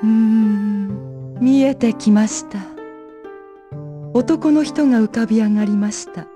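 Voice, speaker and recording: Slow, mysterious fortune teller. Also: female voice, fairly high pitch, dark tone. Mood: mysterious, composed. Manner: slow, measured, formal and polite. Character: mysterious female fortune teller in a dim parlor. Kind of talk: video game voice acting. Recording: music behind the voice.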